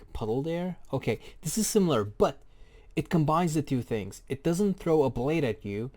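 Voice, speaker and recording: A man's voice: medium pitch, warm tone. A man casually explaining a game boss fight, rambling and jokey, often correcting himself. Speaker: game guide creator. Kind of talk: casual spoken game tutorial.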